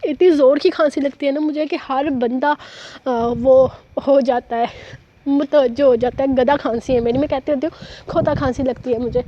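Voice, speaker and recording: A young woman with a cough hosting and reading a novel aloud in a chatty, rambling, informal way, in a slightly muffled recording with a faint hum. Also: sits high. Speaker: novel reader and YouTube host. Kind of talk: chatty vlog intro and story reading.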